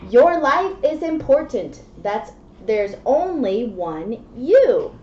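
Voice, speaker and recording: Her voice is on the high side and darkish, very animated, delivered at a slow pace. She's a mother in her thirties and a children's read-aloud presenter, reading a picture book and chatting with a small child in plain words while regularly checking in with questions, in a small indoor classroom. Webcam audio is muffled and echoey, with background noise.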